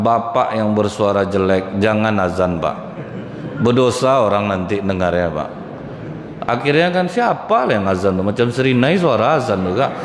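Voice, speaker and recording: A male preacher, giving a lively sermon full of stories and constantly addressing the audience as sir and madam. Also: lowish voice, a little hiss or hum. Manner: addresses audience as Pak and Bu constantly, acts out quoted voices, jokes. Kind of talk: lively mosque sermon with storytelling. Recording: echoey hall with faint ambience.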